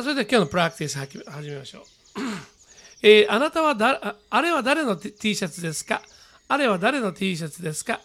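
Gravelly high-voiced man teaching English. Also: a bit bright, a little hiss or hum. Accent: Japanese. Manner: explains patiently, slow deliberate model readings. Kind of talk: radio-style English lesson.

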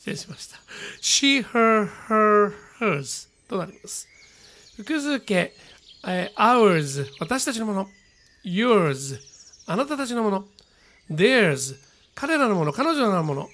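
A man with a Japanese accent teaching a radio-style English lesson, explaining patiently and reading model sentences slowly. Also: sits high, sing-song, fairly bright tone.

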